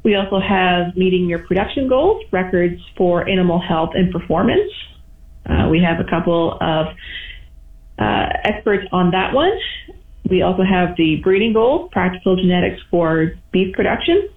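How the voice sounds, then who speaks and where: A woman's voice: fairly low pitch, normal speed. Lady being interviewed on radio, explaining stuff, echoey tinny phone sound. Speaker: interviewed industry representative.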